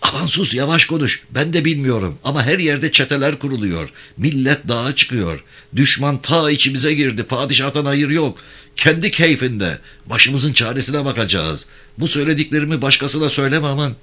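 A man voicing a male gendarme who talks quickly and urgently in a lowered voice. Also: expressive. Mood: urgent, hushed. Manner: hushed urgent talk. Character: secretly rebellious male gendarme, urgent and earnest.

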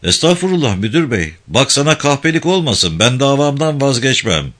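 A man's voice: mid-range voice, very animated, moderate pace, fairly bright tone. A man voicing a proud, stubborn elderly notable who talks haughtily and defiantly. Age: older.

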